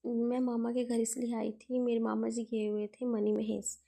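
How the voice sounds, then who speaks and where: A young vlogger narrates her day in a relaxed, chatty, homely voice-over. Her voice is a touch high and gravelly with a dark tone, delivered at normal speed with a fairly flat, even melody.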